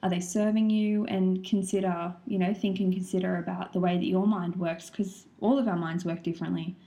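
A woman's voice: fairly low pitch, steady tone, fairly quick, warm tone. A woman chatting casually and explaining things in an informal way, as a wellness course presenter. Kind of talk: casual chat.

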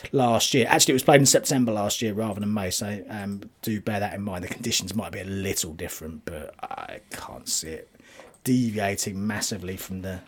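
Slightly husky man giving golf commentary. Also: lowish voice. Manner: analytical, running through statistics and results. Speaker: golf betting tipster and podcast commentator. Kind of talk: conversational golf commentary with betting analysis.

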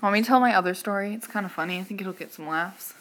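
A woman's voice: medium pitch, fast talker, a bit bright. A young woman co-hosting a podcast, chatting casually and telling rambling stories with lots of giggling. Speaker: podcast co-host. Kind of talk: casual chat.

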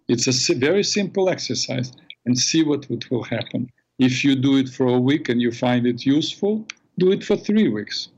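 A man hosting a call-in radio show in a smooth, calm and measured way, heard through a radio broadcast. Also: medium pitch. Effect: radio broadcast sound. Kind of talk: smooth radio host talk. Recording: dull lo-fi radio sound.

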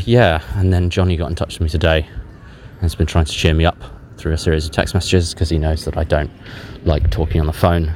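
A podcast host with a very deep voice keeps a confessional audio diary on a handheld dictaphone while walking in a public park, with the park's ambient noise behind him. Subdued and self-deprecating, he speaks candidly but hesitantly, in halting phrases broken by frequent long pauses.

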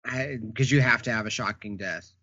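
Bright-voiced man chiming in on a chat. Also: medium pitch, normal speed, dry recording. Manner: chimes in with short agreements and corrections. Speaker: podcast co-host. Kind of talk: casual chat about comic book shows. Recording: dry, dull lo-fi sound.

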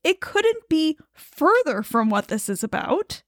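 A high, lively woman with a faint upstate New York accent, co-hosting a podcast. She teases and jokes in an animated way, and the sound is close and dry. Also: unhurried, no echo. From New York capital region. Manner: animated, playful, teasing. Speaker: podcast co-host. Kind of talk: casual chat.

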